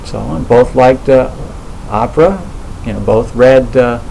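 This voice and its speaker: A man speaking thoughtfully in a relaxed conversational talk, hesitating often with fillers and restarts. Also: medium pitch, unhurried, creaky, slight background noise, rough recording.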